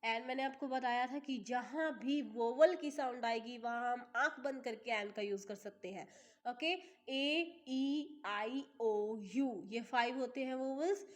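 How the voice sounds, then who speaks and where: A woman with an Indian accent teaching English grammar, reading examples slowly and deliberately, then explaining quickly in Hindi. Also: a little high. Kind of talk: classroom grammar lesson.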